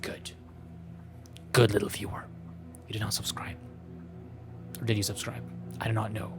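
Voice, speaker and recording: He whispers in a lowish, flat voice at a moderate pace, hosting a gameplay video where he reads a visual novel aloud. Music plays behind him as he jokes at his own expense and fumbles the lines.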